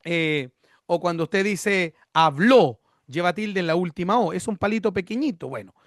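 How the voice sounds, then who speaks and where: A pastor delivers a teaching sermon in a notably high voice, explaining each point and repeating key words. He asks questions aloud and answers them himself. The recording is close and dry, with almost no room sound. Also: moderate pace, dry recording.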